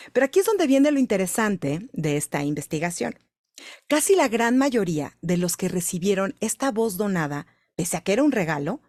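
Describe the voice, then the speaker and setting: A Mexican woman, a voice-over professional, speaks from the stage in an engaging way, often turning questions back to her listeners. Her voice sits at an ordinary middle pitch, and the sound is dry, with little room echo. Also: darkish tone. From Mexico City, Mexico. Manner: engaging, questions the audience directly. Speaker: voice-over artist giving a talk. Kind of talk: conference talk.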